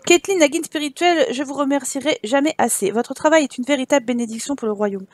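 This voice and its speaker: A woman's voice: sits high, quick pace, natural voice. A woman voicing a formal, stately female church inquisitor in a life-sim game, reading her lines in a solemn, raised voice. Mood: formal, impressed.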